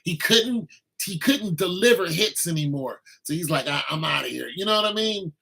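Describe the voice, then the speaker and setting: This time the same kind of speaker, a man in his fifties hosting a cooking livestream, sits higher in pitch and sounds expressive at a moderate pace. His bright, forceful voice has a creaky edge as he chats and rambles in a relaxed way to viewers, and the audio is slightly rough.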